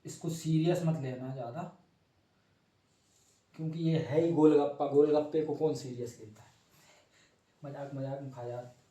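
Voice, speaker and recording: A man's voice: medium pitch, mellow, recorded from a distance. Playful Hindi-speaking man teaching in an echoey room. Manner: playful, self-mocking, chatty. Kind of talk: joking informal class, drawing on a board.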